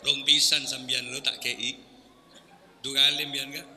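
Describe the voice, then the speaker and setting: A man's voice: medium pitch, flat delivery, a little slow, bright, forceful tone, a little hiss or hum, pitched below the performer's own voice. A man doing a tired, grumbling young wife. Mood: weary. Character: tired young wife woken before dawn. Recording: echoey hall reverb.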